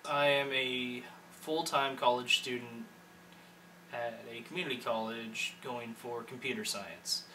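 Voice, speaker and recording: Man, twenties, bright tone, rambling casual intro, mic set a bit far off with faint hiss. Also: medium pitch, fairly even intonation, unhurried. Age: 20s. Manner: rambling, self-correcting. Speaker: channel editor and online manager. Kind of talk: casual self-introduction to camera.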